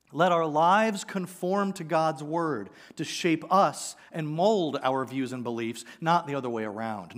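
A man in his forties, a pastor giving a conversational, animated sermon on a church stage with a headset mic. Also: on the high side. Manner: conversational, animated preaching with gestures. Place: church sanctuary stage, indoors.

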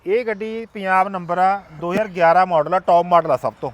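Fast, high-pitched Punjabi car dealer, a man. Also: fairly even intonation, slight background noise. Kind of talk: unscripted car sales pitch. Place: outdoor car yard by a road.

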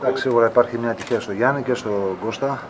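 A team captain in his thirties talks to reporters in an arena corridor after a game, speaking frankly and firmly and pushing back on their questions. His voice is medium-pitched and steady, picked up by reporters' phones held close against a noisy background.

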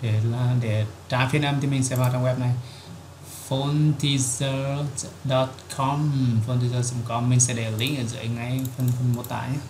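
A man, hosting a screen-recorded software tutorial and explaining it step by step with frequent filler words. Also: mid-range voice, level tone, a little fast, hardly any pauses. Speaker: tutorial host. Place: at a computer, recording his screen. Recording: echoey room with clear keyboard typing noise.

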